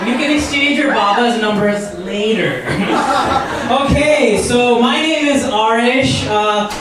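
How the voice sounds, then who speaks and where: Young male comic from Pakistan, self-deprecating set, distant mic, roomy live-venue sound. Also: very high voice. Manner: self-deprecating, punchy jokes with pauses for laughs. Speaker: stand-up comic. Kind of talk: stand-up comedy set. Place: live event room with audience. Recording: echoey venue mic heard from far off with crowd.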